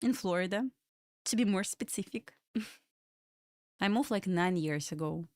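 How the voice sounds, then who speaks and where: A young woman from Belarus with a Russian accent hosts a live trading stream from a home room in Florida, chatting loosely and rambling as she answers chat questions between market comments. Her mid-range voice is expressive, a little slow and darkish, recorded dry in studio quality.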